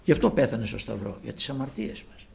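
A man preaching a sermon with fervour, his phrases often sinking to a hushed, low close. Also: creaky, a little hiss or hum.

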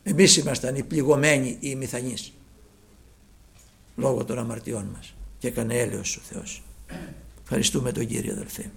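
A man preaching a sermon with fervour, his phrases often sinking to a hushed, low close. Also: steady tone, vocal fry, pauses often.

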